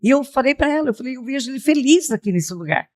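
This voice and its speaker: Speaking fast and with animation, this middle-aged woman has a high-sitting, slightly mellow voice. A missionary from Piracicaba in São Paulo state, Brazil, she recounts her testimony as a guest on a podcast, checking in often with "né?" through the conversational interview.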